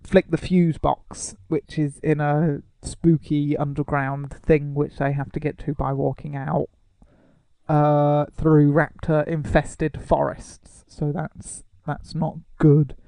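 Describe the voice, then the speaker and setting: Male podcast co-host, gravelly, teasing, dry studio sound. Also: on the high side, little pitch movement, takes it slowly, dark tone, no echo. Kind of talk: casual comedic chat.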